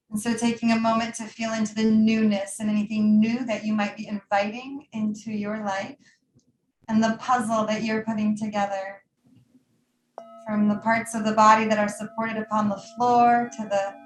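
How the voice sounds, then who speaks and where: A yoga nidra meditation teacher guides a meditation in a soothing, unhurried way, her mid-pitched voice very even with little rise or fall. Her phrases trail off into pauses, and the sound is noticeably roomy and echoey.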